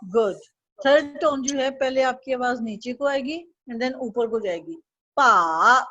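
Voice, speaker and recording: A woman's voice: sits high, a little slow, highs cut off. A woman teaching an online Chinese lesson, patiently drilling syllables and tones for the student to repeat.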